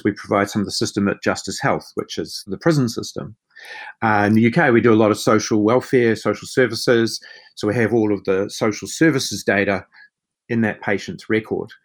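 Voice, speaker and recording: A man with a broad New Zealand accent giving conversational answers as a podcast guest. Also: fairly low pitch. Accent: broad New Zealand (Kiwi). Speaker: podcast guest, chief medical officer and physician.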